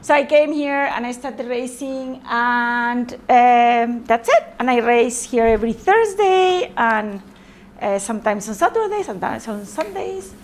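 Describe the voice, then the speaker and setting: A woman's voice: on the high side, expressive, measured pace. A woman from Spain with a Spanish accent, giving a casual, hesitant talk to an audience. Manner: hesitant, with fillers and restarts. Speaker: presenter.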